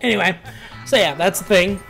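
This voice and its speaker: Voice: medium pitch, a little fast, fairly bright tone, faint music behind. A gameplay commentator talking casually over a match, rambling and ranting with plenty of filler words. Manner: rambling, ranty, laid-back with filler words.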